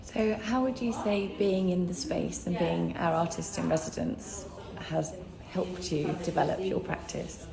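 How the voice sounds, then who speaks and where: A woman's voice: fairly low pitch, fairly even intonation, a little slow, gravelly, hardly any pauses. A woman hosting an informal interview in a gallery inside a cafe. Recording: echoey busy cafe, background chatter.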